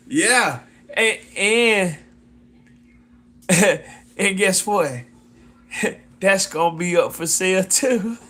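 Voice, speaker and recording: A high-pitched, sharp-toned man, a fashion designer, talks up his clothing brand to viewers in a loose live chat. He repeats himself a lot, bursts into whoops and laughter, and keeps calling someone "sis."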